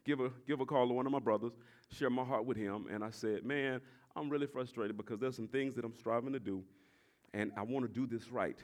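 A pastor in his forties preaching a sermon, swinging from shouted exhortation to quiet, confiding talk, and repeating his phrases. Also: medium pitch, a little fast. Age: 40s. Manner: repeats phrases and tells the congregation to address their neighbor.

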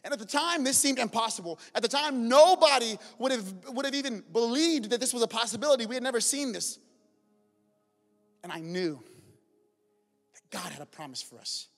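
High-voiced preacher in a hall. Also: male voice, expressive, fairly quick, long pauses, soft background music. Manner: swings from loud praise shouts to soft storytelling. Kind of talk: sermon testimony.

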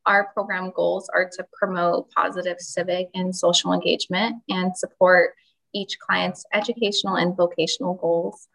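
A woman's voice: lowish voice, little pitch movement, normal speed, creaky, fairly bright tone, rough recording. A woman who runs a youth refugee mentoring program, talking as a podcast guest and explaining things steadily with some ums. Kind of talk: podcast guest, casual talk.

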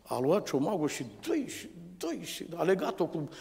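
A middle-aged Romanian-accented man preaches a sermon in a fairly high voice. He swings from loud, emphatic exclamations to quiet, confiding storytelling, and his words ring out in a hall with a long echo. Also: huge pitch swings, creaky. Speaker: pastor.

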